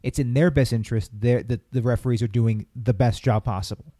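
A man's voice: mid-range voice, fairly even intonation, fairly quick, dark tone, dry recording, clean studio sound. A man co-hosting a casual sports talk podcast, earnest and opinionated, often restarting his sentences. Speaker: podcast co-host.

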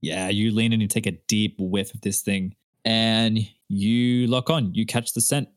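A man's voice: lowish voice, steady tone, a little slow, dry recording, studio quality. A man running a tabletop role-playing game as game master, telling the scene descriptively in a casual way. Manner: descriptive storytelling, casual asides.

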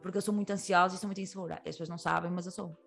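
Fast-talking Portuguese woman, frank and rambling. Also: on the low side, steady tone, creaky, soft background music. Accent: European Portuguese. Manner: frank, rambling, with many fillers and restarts. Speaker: comedian guest. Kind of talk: candid podcast conversation.

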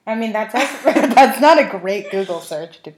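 Animated young woman in echoey room. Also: on the high side, normal speed, crowd noise. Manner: animated, swears, laughs a lot. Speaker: co-host. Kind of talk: casual chat.

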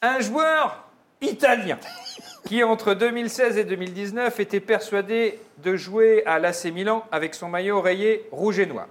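A man hosting a casual quiz game, reading clues and teasing the players. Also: high voice. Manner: playful, reads clues slowly and teases. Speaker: quiz host. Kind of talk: casual quiz show banter.

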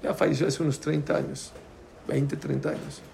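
A man's voice: on the high side, level tone, moderate pace, gravelly, darkish tone, slight background noise. A man, a rabbi giving a storytelling sermon who keeps asking his listeners questions. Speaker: rabbi teaching a Torah class.

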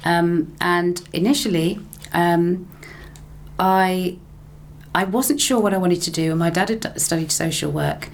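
Guesting on an interview, this English broadcaster and lecturer in middle age recounts her story in an easygoing way. Her voice sits on the low side with fairly even intonation and an unhurried pace; she's chatty, laughs readily and repeats herself, over a slight hiss or hum.

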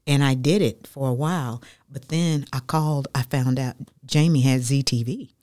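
A woman, a radio guest telling her life story in an animated, chatty way that repeats phrases for emphasis. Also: very deep voice, moderate pace, no echo, clean studio sound. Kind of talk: casual storytelling interview.

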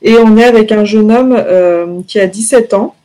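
A woman's voice: medium pitch, moderate pace, dark tone. A woman co-hosting a casual chat show, talking with many hesitations and fillers and laughing often. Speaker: podcast co-host presenting series picks.

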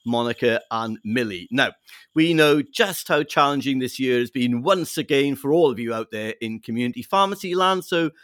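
Guy hosting a podcast, really animated and jovial, dry close sound. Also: mid-range voice, moderate pace, dry recording. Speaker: podcast host. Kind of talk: presenting a festive podcast.

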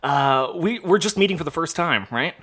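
A man hosting a podcast, chatting in an excitable, easygoing way and laughing easily. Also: on the high side, moderate pace. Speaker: podcast host. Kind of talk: casual chat.

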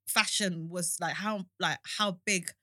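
Young woman, London roadman accent, bright and forward, slangy casual chat, dry close sound. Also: fairly low pitch, steady tone, measured pace, no echo. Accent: London roadman, multicultural East London. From East London, England. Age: young adult. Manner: slangy, frequent 'like' and 'innit'. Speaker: interview guest.

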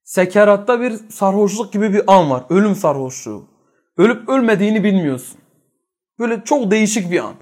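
A man teaching a religious study lesson who quizzes his listeners with rhetorical questions and drops from loud emphasis into quiet, low asides. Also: sing-song, brisk.

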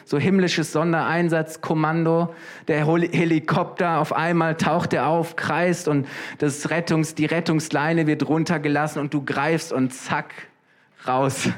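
A man preaching a sermon in a lively, conversational way, often asking his listeners questions. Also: a little high, unhurried.

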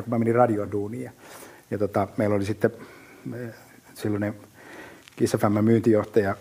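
Middle-aged guy rambling about business, lots of fillers, low warm voice. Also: husky. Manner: lively storyteller with many fillers and restarts. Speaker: business guest. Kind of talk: casual podcast chat.

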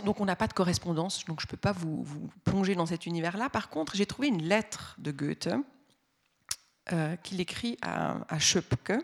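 A woman's voice: fairly low pitch, creaky, breathy edge. A woman giving a spoken music lesson, explaining patiently with frequent hesitations and restarts. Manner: reads the ballad aloud with expressive voices. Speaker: music teacher. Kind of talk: spoken lecture.

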